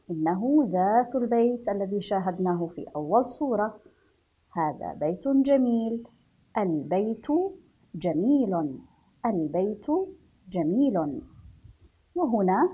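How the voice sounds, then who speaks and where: A woman teacher with a Yemeni Arabic accent, slowly leading a children's reading lesson, repeating words for pupils and praising them often. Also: mid-range voice, warm tone, breathy edge, rough recording.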